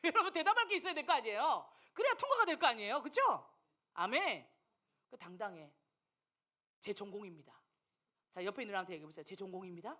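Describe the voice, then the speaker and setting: A woman missionary preaching a sermon to young people, animated and teasing, acting out the voices of people she quotes. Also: high-pitched, quick pace.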